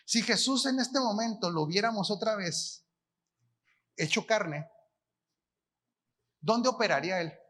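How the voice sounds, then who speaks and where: A man's voice: high voice, unhurried, pauses often, a bit bright. A man with a Mexican Spanish accent preaching a conference sermon, talking in a colloquial way, asking the audience questions and answering them himself. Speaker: apostle preaching.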